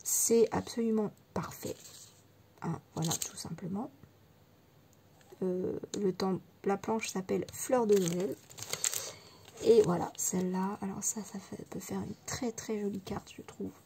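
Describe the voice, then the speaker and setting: A woman vlogger showing her scrapbooking purchases in a chatty, fond way, full of little fillers, sometimes dropping to a soft near-whisper. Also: mid-range voice, fairly even intonation, unhurried, gravelly, noisy background. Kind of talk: casual haul show-and-tell.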